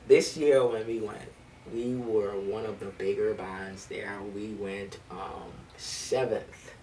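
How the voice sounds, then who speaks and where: A man's voice: fairly low pitch, fairly even intonation, slow pace, warm tone, far from the mic, a little hiss or hum, poor audio. A man who directs a school band, talking eagerly in an interview with lots of ums and restarts. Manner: eager storyteller with frequent um and restarts. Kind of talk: conversational interview. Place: library.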